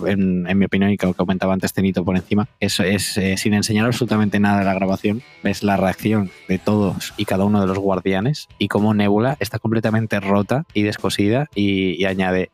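A man's voice: fairly low pitch, a little mellow. A man co-hosting a casual film review podcast, explaining at length with many restarts. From Spain. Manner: rambling, halting, many restarts. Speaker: podcast co-host.

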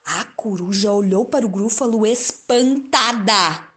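A woman reading a children's story aloud in an expressive, lilting storytelling voice. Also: medium pitch, a little slow.

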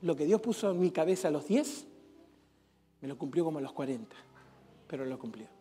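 A man's voice: fairly high pitch, expressive, brisk, dark tone. A middle-aged man, a pastor with an Argentine accent, preaching a storytelling sermon to a church congregation, telling funny anecdotes that rise into fervent exhortation. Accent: Argentine Spanish. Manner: humorous, acts out dialogue, builds to fervent exhortation.

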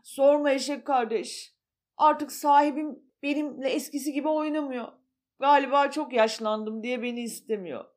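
A woman's voice: sits high, moderate pace, close to an everyday voice. A woman voicing a sad, lonely old male dog in a children's storybook, with a sighing, plaintive manner.

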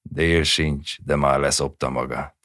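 A man reading the part of a sharp-tongued, nagging middle-aged wife in a scolding voice. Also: rumbling low, fairly even intonation, dry recording, studio quality.

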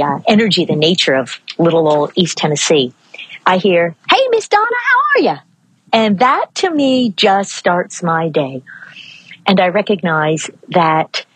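Husky-voiced older woman, slow and expressive. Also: lowish voice, dry recording, low-quality recording. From Maryland. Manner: expressive, stretches key words slowly and speeds through asides. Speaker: podcast host. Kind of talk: reflective solo podcast monologue. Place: outdoors.

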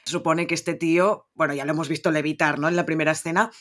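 A man with a fairly high voice talks through a film in a loose, chatty podcast. He is relaxed and analytical, and quick to laugh. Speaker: podcast co-host. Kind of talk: casual film discussion.

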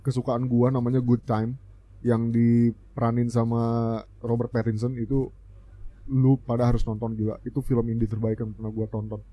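A man's voice: medium pitch, completely flat delivery, moderate pace, mellow, rough recording. A young man with an Indonesian accent co-hosting a casual film chat, talking in emphatic slang and switching in and out of English. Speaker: podcast co-host. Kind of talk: casual chat about films.

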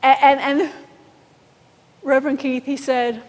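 A woman pastor preaching a sermon, telling a story in a lively storytelling manner. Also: sits high, measured pace, big-room sound.

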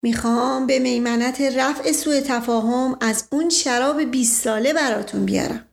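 A woman voicing a proud, excitable older man who heads the family and speaks formally. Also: high voice, gravelly. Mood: hospitable. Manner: pompous, formal.

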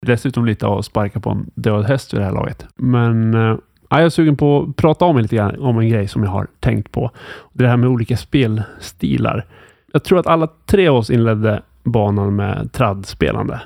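A man hosts a laid-back podcast chat, his voice gravelly with a crackle of fry at the ends of phrases. He talks in an easygoing way, pausing on fillers as he thinks. The recording is close and dry, with no room sound. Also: medium pitch, no room sound. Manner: relaxed, thinks aloud with frequent fillers. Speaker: podcast host. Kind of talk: casual podcast chat about tabletop roleplaying.

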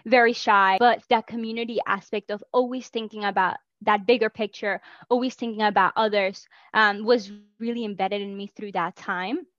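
A woman's voice: medium pitch, no room sound, highs cut off. A Spanish-native woman from Peru, a guest in an interview, speaking earnestly and reflectively over a video call with many "like" fillers. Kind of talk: casual interview talk.

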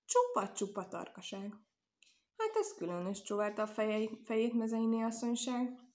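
A woman narrating a children's storybook with a lively, expressive delivery. Her voice sits at a middle pitch and changes for each character. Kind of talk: storybook reading.

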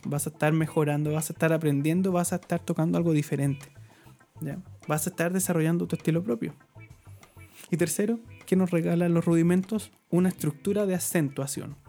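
Mellow-voiced drum teacher. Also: male voice, a little high. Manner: explains patiently, often checking in with "¿ya?". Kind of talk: online drum lesson.

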